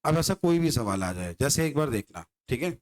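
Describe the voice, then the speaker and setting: A man's voice: medium pitch, big pitch swings, brisk. A male maths teacher lecturing a class, teasing his students and firing rhetorical questions at them.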